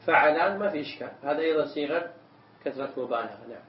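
Guy teaching old religious texts, slow and repeating himself, muffled sound, lots of room echo. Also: a little high, animated. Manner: measured, repeats words while explaining. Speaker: sheikh teaching a text. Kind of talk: explaining religious texts in a lesson. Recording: echoey room, distant mic, dull sound.

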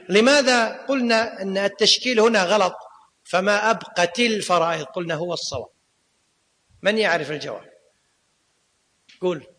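High-voiced male teacher in a reverberant hall. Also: pushed and bright. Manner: quizzes students, repeats key points. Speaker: teacher of Islamic law and grammar. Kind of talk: classroom lecture. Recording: long reverb of a lecture hall.

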